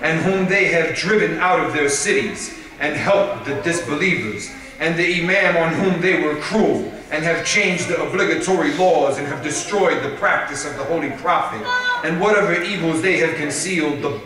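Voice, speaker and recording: A man giving a sermon at a religious gathering, reading aloud in a measured, steady way. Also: a little high. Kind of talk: sermon with read-aloud prayer. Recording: echoey hall, voice from far off.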